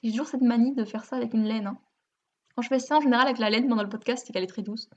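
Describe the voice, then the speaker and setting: French woman, knitting podcast host, casual rambling chat, slightly high voice, dull lo-fi sound. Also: rapid-fire. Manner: chatty, self-deprecating, many fillers. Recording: muffled lo-fi home recording.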